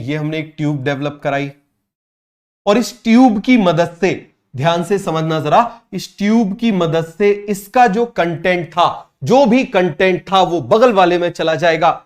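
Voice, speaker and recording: Male coaching-class teacher with a slightly high voice; drills students with repeated questions and stretches out key terms. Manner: repeats every point and asks students to call out answers; drawls key English terms slowly. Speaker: biology teacher.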